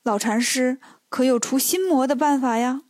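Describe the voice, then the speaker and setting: A courteous, somewhat naive travelling monk leading his disciples in a storybook, as a woman reads him. He speaks plainly and politely in a high, dry voice. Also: normal speed, a little mellow, no room sound, lightly acted. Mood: earnest.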